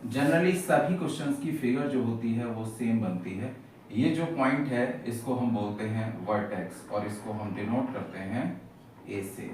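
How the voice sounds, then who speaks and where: A man's voice: medium pitch, measured pace, darkish tone. Echoey man teaching maths, patient. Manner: patient, explains step by step, repeats terms. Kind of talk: classroom lecture at a board. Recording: echoey room from far off, faint hiss.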